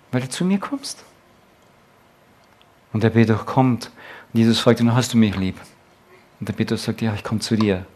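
Earnest male preacher, emphatic sermon delivery that ends in a quiet prayer. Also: medium pitch. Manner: earnest, emphatic, quoting God and Jesus in direct speech.

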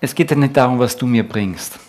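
Eindringlicher Prediger, lebhaft betonend. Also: male voice, mid-range voice, fairly quick, darkish tone. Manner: earnest, emphatic, quoting God and Jesus in direct speech. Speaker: preacher. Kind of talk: sermon with closing prayer.

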